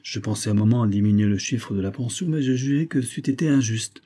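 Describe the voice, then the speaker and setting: A man's voice: medium pitch, brisk, warm tone, natural voice. A man reading an audiobook, voicing a bitter, obsessive middle-aged man who argues insistently that he is wronged. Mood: self-justifying. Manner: agitated, reasoning aloud, insistent.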